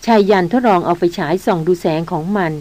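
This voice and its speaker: A woman reading a novel aloud as an audiobook narrator, with steady, even storytelling. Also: lowish voice, fast, poor audio.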